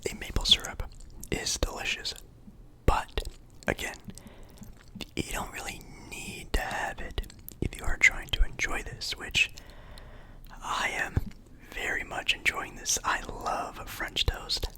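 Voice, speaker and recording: A man's voice: slow pace, long pauses. A young man whispering casually as an ASMR creator, chatting about food between bites.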